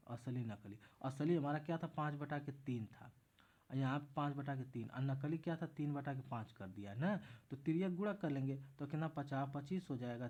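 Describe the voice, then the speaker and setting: A man's voice: medium pitch, a little mellow, lo-fi sound. A man tutoring math in a casual exam-prep lesson, walking through each step and repeating himself as he explains.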